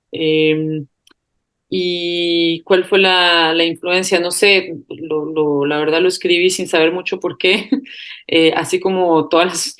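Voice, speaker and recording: Costa Rican woman, low and hesitant. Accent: Costa Rican Spanish. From Costa Rica. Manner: hesitant, thinks aloud with many fillers and restarts; laughs lightly while talking. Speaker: film director. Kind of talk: interview answers.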